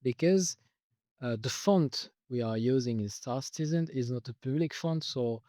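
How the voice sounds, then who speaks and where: This is a man demoing software he made, captured as a relaxed screen recording. He keeps stalling on "uh" and starting sentences over, and his mid-range voice sounds slightly worn and fading. The mic is close, the sound dry, with no room ambience at all.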